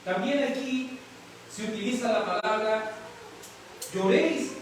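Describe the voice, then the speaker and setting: Chilean male preacher, high voice, teaching tone, distant mic with heavy room echo. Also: unhurried, slight background noise. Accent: Chilean Spanish. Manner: explanatory, repeatedly checks understanding with rhetorical questions. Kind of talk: expository sermon. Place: church hall. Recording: echoey hall from far off.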